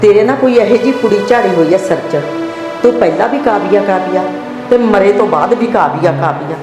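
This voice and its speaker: A woman's voice: mid-range voice, a little fast, lightly acted. An older woman with a Punjabi accent, acting an insistent mother who keeps urging her son to remarry. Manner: insistent, scolding. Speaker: nagging mother. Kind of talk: village drama acting. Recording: echoey room with loud background music.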